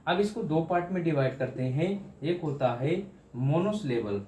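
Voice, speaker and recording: A man's voice: on the high side, animated, moderate pace, a little mellow, echoey room. A man teaching English grammar in Hindi for exam prep, repeating key terms and often addressing students as friends.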